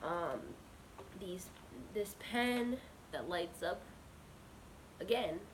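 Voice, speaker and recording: Slow-paced, gushing woman with a cold. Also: on the low side, animated, slight background noise, low-quality recording. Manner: gushing, bubbly, drawn-out words. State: slightly sick, with a cold. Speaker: unboxing vlogger. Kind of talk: casual excited unboxing chat.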